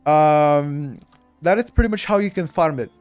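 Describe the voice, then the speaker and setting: A man with a Bulgarian accent narrates a game walkthrough for his live-stream chat, speaking to them directly, chattily, and with frequent repetition. His voice is fairly high, darkish, and clean, at a moderate pace. The recording is dry, with faint music in the background.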